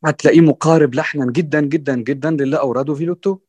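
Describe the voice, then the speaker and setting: A man with an Egyptian accent speaks quickly in a slightly raised voice. He stumbles and restarts often, then presses his point earnestly and keeps asking "right?". The sound is dry and close to the mic. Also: on the high side, fairly even intonation, a little mellow, no room sound. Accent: Egyptian Arabic. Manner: hesitant, many restarts and fillers, checks in with "right?"; earnest and exhorting. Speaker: guest musician on a panel. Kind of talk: conversational discussion.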